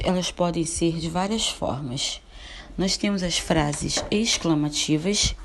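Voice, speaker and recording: A woman teacher giving a recorded grammar lesson, explaining step by step, asking rhetorical questions and reading examples with lively expression. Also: lowish voice, a little hiss or hum.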